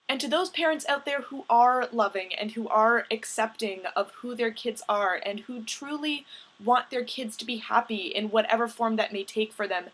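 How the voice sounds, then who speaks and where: A young woman with a somewhat high voice speaks in a casual, direct-to-camera vlog. She is earnest and emphatic, and now and then she swears for force. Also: fairly bright tone, slightly rough. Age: young adult. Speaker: vlogger.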